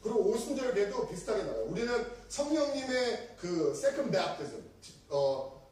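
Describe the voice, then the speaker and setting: A high-pitched man gives a chatty teaching sermon, full of restarts and fillers. He sometimes acts out stern scolding lines. His voice rings in a very echoey room, picked up from some distance away from the mic. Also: very animated, measured pace, a little mellow. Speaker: pastor.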